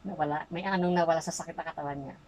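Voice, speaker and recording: A woman's voice: sits low, steady tone, very fast, a little mellow, rough recording. A woman folk healer interrogating a spirit during an exorcism, insistently repeating short questions.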